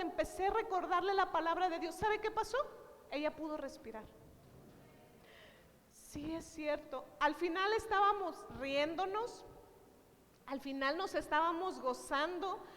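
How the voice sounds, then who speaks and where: In a big-room sound, a woman preacher with a very high voice delivers a sermon, earnestly addressing her congregation directly. She retells conversations using quoted dialogue.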